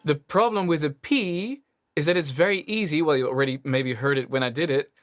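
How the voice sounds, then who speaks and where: A man with a Dutch accent coaching a singer through a one-on-one singing lesson, relaxed and encouraging. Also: brisk. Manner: relaxed, encouraging, demonstrates high sung lines. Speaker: vocal coach.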